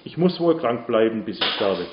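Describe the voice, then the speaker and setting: A man's voice: on the low side, sing-song, moderate pace. A man voicing a rich, sick foreign commander who talks in emotional exclamations, in a dull, roomy recording with faint hiss. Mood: bitter.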